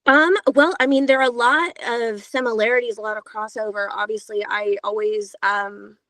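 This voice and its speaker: Speaking at a moderate pace with a steady, fairly bright tone, this Georgia woman sounds higher-pitched and young. She's an audiobook narrator giving a casual interview, chatty and full of filler sounds, recorded without echo.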